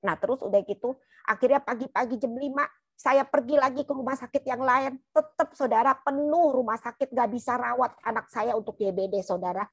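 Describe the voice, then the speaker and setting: A woman's voice: fairly high pitch, fairly quick, breathy edge, no echo. A woman telling a personal testimony in church in an earnest, colloquial storytelling manner, often turning to her listeners. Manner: earnest, keeps addressing listeners as "brothers and sisters". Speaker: church member giving testimony.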